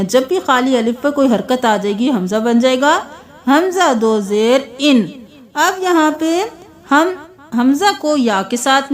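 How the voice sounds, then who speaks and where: A woman with a high voice leads a Quran reading lesson. She explains each rule patiently and breaks words down slowly, sounding out one letter and vowel mark at a time. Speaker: Quran recitation teacher.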